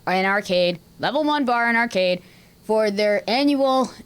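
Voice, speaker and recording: Woman, excited anime fan, smooth clear voice, medium pitch, casual co-host chat, enthusiastic. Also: measured pace.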